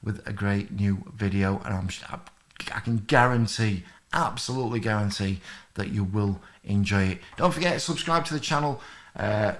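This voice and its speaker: A man's voice: lowish voice, normal speed. A man hosting a history live stream, chatting loosely with viewers and answering their comments with many fillers. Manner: rambling, friendly, many fillers, reads out chat comments. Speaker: history channel host.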